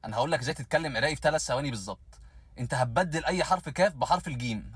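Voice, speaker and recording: A man's voice: medium pitch, very fast, fairly bright tone, slightly rough, dry recording. A man with an Egyptian accent doing a comedy sketch, mocking dialects by stretching his words and switching between put-on voices.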